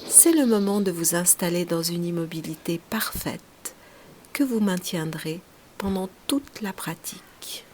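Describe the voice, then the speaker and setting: A woman with a lowish voice guides a relaxation meditation as a yoga teacher, speaking softly and soothingly. Her short, unhurried phrases often turn breathy as they trail off, with slight background noise behind her.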